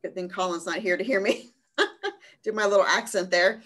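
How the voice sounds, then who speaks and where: A woman's voice: mid-range voice, moderate pace, a bit bright. A woman presenting a study abroad trip over a video call, talking casually with frequent ums and small laughs. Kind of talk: virtual fair slideshow presentation.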